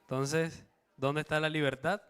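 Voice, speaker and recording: Here the preacher's voice sits a little high and stays level, with a measured pace and a clear, resonant, fairly bright quality. In this Bible study sermon he reads verses aloud, questions his listeners and checks in with the congregation.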